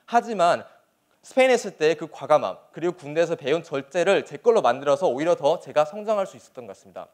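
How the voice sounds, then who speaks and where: A young man with a high voice delivers a motivational speech to an audience as a soldier. His pitch swings widely as he drives points home earnestly and emphatically, often posing rhetorical questions. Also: animated, fast. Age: young adult.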